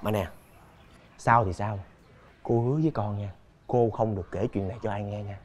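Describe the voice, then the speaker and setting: A man's voice: on the low side, steady tone, a little fast, a little hiss or hum. A young man acting a nervous witness in a comedy sketch, pleading for secrecy, with music behind. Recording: background music under the dialogue.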